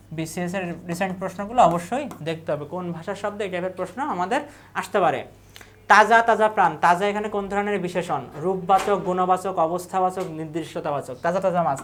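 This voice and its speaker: A man with a high voice and a Bangladeshi Bengali accent tutors students for university admission in an exam-prep lecture, posing each question and then repeating its answer. There's a little hiss or hum in the recording.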